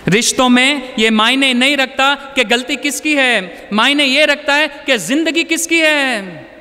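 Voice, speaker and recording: A man's voice: extremely high pitch, unhurried, bright, forceful tone, big-room sound. A man telling personal stories in a chatty talk to an audience, dropping English words into his speech. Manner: conversational, anecdotal, mixes in English words. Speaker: motivational speaker.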